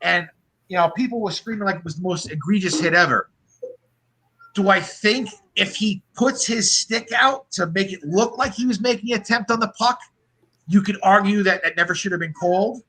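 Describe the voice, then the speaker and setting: A man's voice: sits high, moderate pace, bright, forceful tone, breathy edge, rough recording. A man co-hosting a hockey podcast, talking casually in a rambling, profane way with lots of restarts. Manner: swears freely, rambling restarts. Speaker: podcast co-host.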